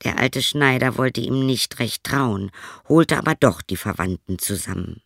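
A man reading a fairy tale aloud with expressive, vivid storytelling. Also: mid-range voice, measured pace, vocal fry, no echo, clean studio sound. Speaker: narrator.

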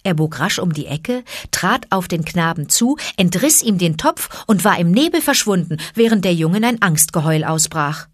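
A woman reads a storybook in an even, measured narration. Her voice sits fairly low, and the recording is dry and close with no room sound. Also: dry recording. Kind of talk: storybook reading.

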